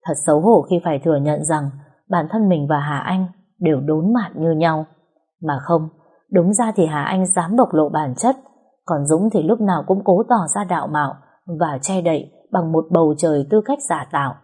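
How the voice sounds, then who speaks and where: A woman narrating a romance audiobook with steady, dramatic storytelling. Her voice sits fairly low, warm and mellow, with a soft breathy texture. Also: moderate pace. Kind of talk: scripted narration.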